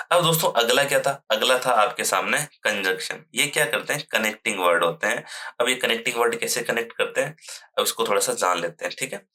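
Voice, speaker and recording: A man teaching a grammar lesson at a whiteboard, asking questions and answering them himself, with frequent fillers and throat clearing. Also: fairly low pitch, bright, forceful tone. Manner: fills pauses with a repeated "okay" and "friends"; clears his throat now and then.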